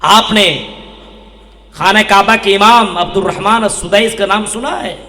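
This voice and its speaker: Impassioned preacher in an echoey hall. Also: male voice, high voice, a little slow. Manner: impassioned, rising to shouts. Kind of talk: Islamic sermon. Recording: echoey hall with long reverb.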